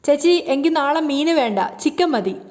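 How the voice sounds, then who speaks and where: A woman's voice: high voice, expressive, moderate pace, darkish tone. A woman voicing a playful younger sister who jokes cheekily. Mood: cheeky. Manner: joking, cheeky.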